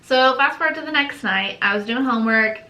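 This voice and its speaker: Young woman chatting, acts out the quotes, bright voice, echoey room. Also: sits high, brisk. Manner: animated, acts out quotes, laughs often. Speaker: channel co-host. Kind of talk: casual storytelling.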